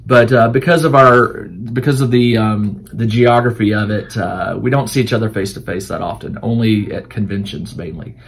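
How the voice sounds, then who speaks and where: A man's voice: on the low side, moderate pace, hardly any pauses, breathy edge. A man hosting a crafting channel, answering viewer questions in a casual, rambling way, with many fillers and restarts, while his voice starts to wear out. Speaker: host of a tabletop crafting channel. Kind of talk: casual Q&A chat to camera.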